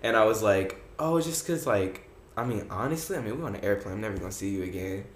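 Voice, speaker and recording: A young man hosting a podcast, telling a story in a casual, animated way, laughing often and swearing freely. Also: lowish voice, quick pace, slight background noise. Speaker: podcast host. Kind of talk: casual chat. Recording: echoey room.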